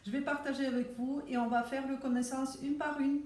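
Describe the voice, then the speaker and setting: A woman who is not a native French speaker gives a casual tour of her houseplants on her home veranda, pausing often with fillers. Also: high voice, little pitch movement, a little mellow. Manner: hesitant, many filler pauses. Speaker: plant vlogger. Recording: roomy echo.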